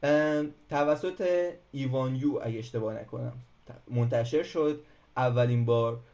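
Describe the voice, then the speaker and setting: Mellow-voiced man giving a hesitant coding tutorial. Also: mid-range voice. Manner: hesitant, many filler sounds and restarts. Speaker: programming instructor. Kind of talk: casual screen-recorded coding tutorial.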